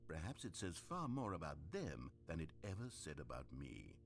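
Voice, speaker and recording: A man's voice: rumbling low, wildly swooping pitch, normal speed, gravelly, a little hiss or hum, exaggerated voice. An actor playing a bitter, self-pitying male video game narrator with a theatrical delivery. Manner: theatrical, swinging from hushed to indignant.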